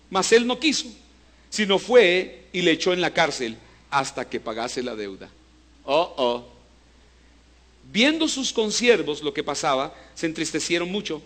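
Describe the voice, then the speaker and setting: High-voiced male pastor preaching. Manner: preaching with call-and-response to the congregation; swings between loud emphasis and low, hushed delivery. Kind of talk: sermon.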